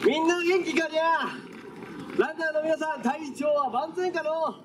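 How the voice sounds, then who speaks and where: A friendly samurai hero acted by a man delivers rousing stage greetings in a Kochi accent. The voice is very high for a man and comes with clear outdoor noise. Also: fairly even intonation, measured pace, distant mic. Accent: Kochi Japanese. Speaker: troupe leader, event presenter. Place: open-air city plaza stage. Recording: outdoor event with street noise.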